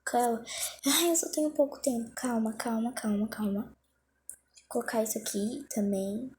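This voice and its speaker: A young woman talks to her viewers in a casual vlog, flustered and rushing, often teasing herself. Her voice sits a little high yet sounds mellow and soft-toned. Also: slight background noise. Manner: flustered, hurried, self-mocking. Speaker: vlogger. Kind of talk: casual self-talk during a timed phone challenge.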